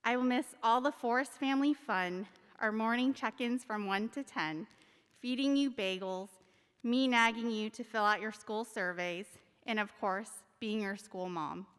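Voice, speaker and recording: A woman teacher giving a fond, joking graduation speech at a high school ceremony in a large hall. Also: a little slow, fairly bright tone, smooth. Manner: fond and joking, with small laughs. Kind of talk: heartfelt prepared speech, read aloud. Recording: long reverb of a large hall.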